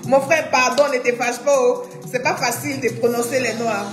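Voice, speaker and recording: A woman with a higher voice and fairly flat intonation hosts a live stream, greeting viewers quickly and effusively and breaking into chanted refrains. There's a roomy echo with faint music underneath.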